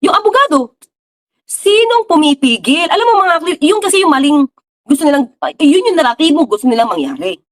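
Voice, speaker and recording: A woman giving casual political commentary, talking straight to her viewers with rhetorical questions and English mixed in. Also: sits high. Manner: mixes English into her talk.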